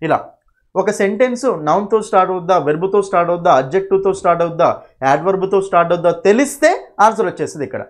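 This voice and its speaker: A man's voice: high-pitched, rapid-fire. Male teacher checking "okay?". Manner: explains step by step with frequent "okay?" checks. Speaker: English teacher. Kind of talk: exam-prep grammar lesson.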